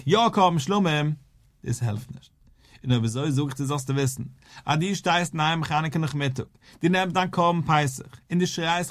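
A rabbi teaching a daily Talmud class, working through the argument and acting out both sides with a rising and falling study chant. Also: male voice, fairly high pitch.

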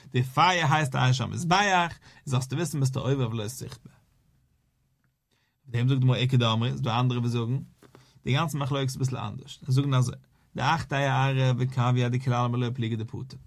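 A man, a rabbi, teaching a daily Talmud page, in a sing-song study cadence that repeats its key phrases. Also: mid-range voice.

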